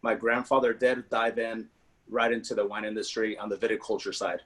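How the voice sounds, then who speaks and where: A man's voice: lowish voice, little pitch movement, a little fast, a bit bright. A man from California's Napa Valley, a winemaker on a virtual panel, speaking politely with many fillers.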